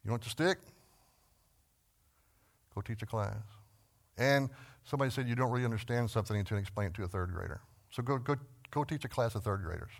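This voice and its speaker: Here a Texan man teaches a church Bible class conversationally, earnest in tone and prone to restarting sentences and repeating words. His mid-range voice is gravelly, and he moves at a quick pace broken by long pauses.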